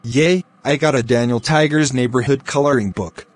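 A man's voice: mid-range voice, moderate pace, lightly acted. A synthetic man's voice playing an emotional birthday celebrant in an amateur cartoon, with stilted text-to-speech delivery. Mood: delighted. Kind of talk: text-to-speech animated dialogue.

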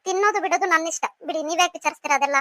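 Woman voicing a high, rapid-fire cartoon young wife, sulky and pleading. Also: bright, forceful tone, dry recording, clean studio sound. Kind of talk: cartoon voice acting.

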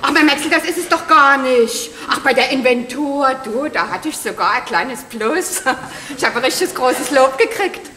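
A woman's voice: high voice, lively intonation, normal speed, few pauses, pushed and bright, a little hiss or hum. An actress playing a dramatic, self-pitying woman whose partner has left her, in a stage comedy, talking in a breathless, tearful gush. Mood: agitated. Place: theater stage. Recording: echoey theater hall with audience laughter. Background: audience laughter.

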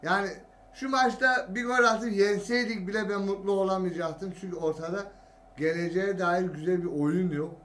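A man reacting live to a football match, calling the play, shouting at players and cursing. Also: high-pitched, steady tone, moderate pace, slight background noise. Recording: roomy echo.

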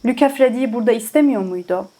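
A woman with a fairly high voice is teaching a language lesson. She goes through game dialogue, repeating phrases slowly and piece by piece before translating them. Her delivery is casual, and she often thinks aloud. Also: warm tone. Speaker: French teacher.

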